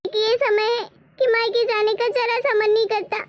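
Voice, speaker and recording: A woman's voice: very high voice, flat delivery, normal speed, noisy background. Woman voicing a sorrowful cartoon daughter. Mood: wistful. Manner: wistful, sorrowful monologue. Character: grieving married daughter, tender and tearful. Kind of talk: Hindi cartoon moral-story voice acting.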